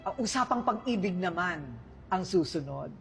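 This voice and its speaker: A woman's voice: lowish voice, normal speed, gravelly, faint music behind. A middle-aged woman interviewing a guest in a playful, teasing manner. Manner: teasing, animated questions.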